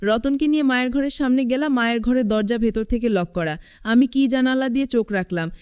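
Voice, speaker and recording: A woman narrating a scripted first-person story in an even storytelling manner. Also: fairly high pitch, fairly quick, clear, resonant tone, dry recording.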